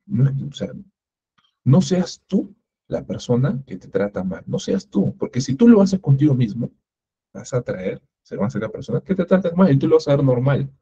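A man with a mellow, mid-range voice that's a little rough runs an entrepreneurship workshop as its instructor. He poses rhetorical questions and acts out small everyday dialogues. The recording is muffled and lo-fi.

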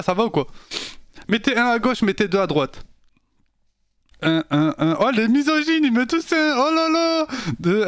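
High-voiced, lively male streamer. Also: no echo, clean studio sound. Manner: animated and slangy, talks straight to his chat. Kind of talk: casual live-stream chat.

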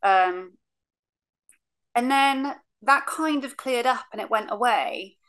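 A woman with a fairly high, slightly bright voice speaks slowly as she recounts her cancer experience in a casual remote interview. She's seated on a sofa in her living room, using a video call webcam, and she's frank, fills in with many ums, and voices remembered lines.

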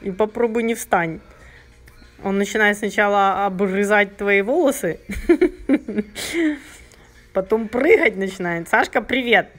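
A woman's voice: mid-range voice, takes it slowly, pauses often, a bit bright, soft background music. A woman fitness trainer coaching casually at home, giving short repeated encouraging cues and counting workout reps. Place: carpeted high-ceilinged living room at home. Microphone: handheld phone, sometimes covered by her hand.

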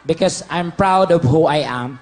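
A man's voice: a little high, measured pace. A man in a comic skit, answering questions with mock pride in broken English.

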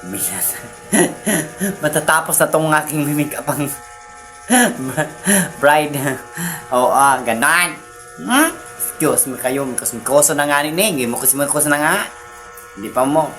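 Low-voiced chatty woman vlogger. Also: expressive, a little slow, a bit bright, faint music behind. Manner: chatty, teasing, giggly asides. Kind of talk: casual vlog chat with shout-outs.

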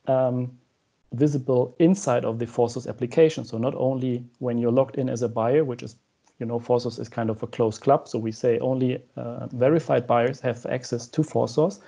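A young man guesting on a video call explains his company's platform step by step, pausing often on "um." His voice is gravelly and husky, with a dark, mellow tone. He speaks through an earphone mic from a room at home. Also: mid-range voice. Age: young adult. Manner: explanatory, with frequent "um" fillers. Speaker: guest, co-founder of the company discussed. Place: room at home with shelves, indoors. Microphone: wired earphone headset mic.

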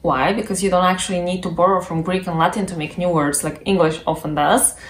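A woman's voice: on the low side, fairly even intonation, a little fast, roomy sound, a little hiss or hum. A woman giving a casual, reassuring explainer about learning a language, chatty with frequent asides. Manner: chatty, reassuring, many "you know" asides.

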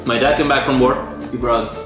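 Deadpan man joking over background music. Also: medium pitch, a little fast. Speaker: vlogger's partner, father. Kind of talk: casual vlog chat. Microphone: handheld camera a short distance away.

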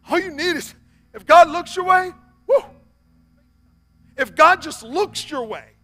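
On a church stage, a preacher in his forties speaks at a measured pace in a very high, animated voice. He alternates between loud urging and quiet appeals that drop nearly to a whisper.

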